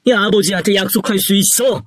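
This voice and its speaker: A man's voice: sits high, brisk, no echo, voice pushed up. A man voicing a stern, worried middle-aged father who scolds his son. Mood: scolding. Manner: nagging, scolding.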